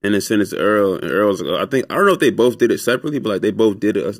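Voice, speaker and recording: Low-voiced laid-back young man. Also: animated, rapid-fire, husky, no echo, studio quality. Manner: laid-back, rambling with many fillers. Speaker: music producer guest. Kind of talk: casual storytelling interview.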